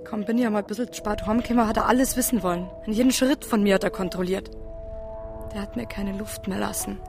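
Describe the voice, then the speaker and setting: An actress with a Bavarian accent plays a troubled wife confessing a hard youth in a naturalistic radio drama, speaking plainly and colloquially with a tone of bitter recollection. Her mid-range female voice is gravelly and fast, the acting light, with music in the background.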